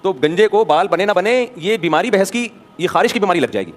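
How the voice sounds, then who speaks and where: A man from Pakistan, a mufti, giving a conversational sermon full of anecdotes, acting out dialogues and asking rhetorical questions. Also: high-pitched. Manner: animated storyteller, acts out dialogues, rhetorical questions. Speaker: mufti, religious scholar.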